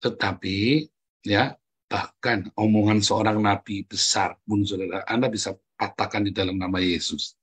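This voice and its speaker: A man preaching a lively sermon, talking straight to his congregation and leaping up in pitch to stress his points. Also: moderate pace, husky. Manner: animated, jumps high in pitch for emphasis, keeps calling out "saudara". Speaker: pastor.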